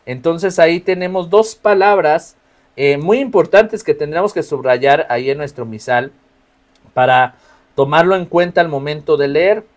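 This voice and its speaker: A man, teaching a workshop on reading scripture aloud at Mass, explaining step by step and often checking in with his listeners. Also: on the high side. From Mexico. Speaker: lector trainer.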